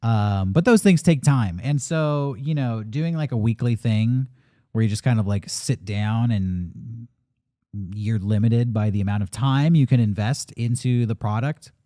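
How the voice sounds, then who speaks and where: A man in his late thirties co-hosting a podcast, talking openly and thoughtfully about his plans in loose, casual chat. His voice is mellow and dark in tone, recorded close and dry with no room sound. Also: mid-range voice, a little slow, no room sound. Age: 30s. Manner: candid, reflective, swears casually. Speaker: podcast co-host.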